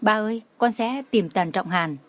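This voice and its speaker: A woman voicing a tender, remorseful young mother who speaks in soft, apologetic tones. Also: medium pitch, moderate pace, close to an everyday voice. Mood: earnest.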